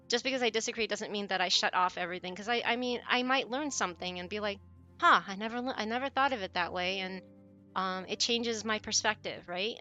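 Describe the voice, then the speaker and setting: A woman's voice: medium pitch, bright, forceful tone. A woman live streamer talking casually to her chat in a rambling, conversational way. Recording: music playing behind the voice. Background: background music.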